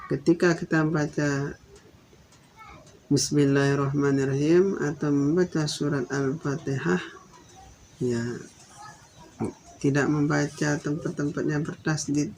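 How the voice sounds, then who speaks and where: A man gives an unhurried recitation lesson, speaking at a very slow, deliberate pace. He repeats each point patiently and chants the verses in long, drawn-out phrases. His pitch sits in an ordinary middle range. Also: darkish tone, a little hiss or hum, rough recording. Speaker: Quran recitation teacher.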